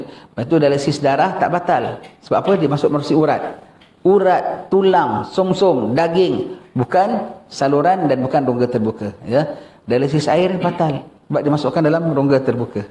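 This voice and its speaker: An older man with a Malaysian Malay accent giving a lively religious lecture, questioning his listeners. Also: a little high. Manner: animated, questions the audience, acts out askers. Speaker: religious teacher. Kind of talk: mosque lecture on fasting rules. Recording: echoey room.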